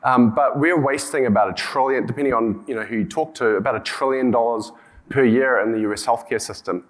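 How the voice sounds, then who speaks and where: A man's voice: mid-range voice, brisk. A man from New Zealand with a broad Kiwi accent gives an informal conference presentation, hesitating and often repeating words as he goes. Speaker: conference speaker, company co-founder and CEO.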